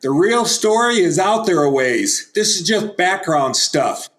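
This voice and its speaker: A man's voice: sits high, big pitch swings, a little slow, fairly bright tone, heavily acted. A man playing a smug, slimy, blustery senator who taunts and sneers in an old-time radio play. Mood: irritated, brusque.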